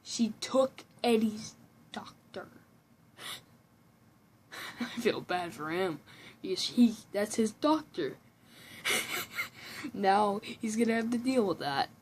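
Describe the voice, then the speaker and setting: A woman's voice: mid-range voice, animated, takes it slowly, pauses often, slight background noise, low-quality recording. A woman giving a casual, rambling movie review at home, often restarting sentences and breaking into giggly asides. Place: room at home with a computer behind her.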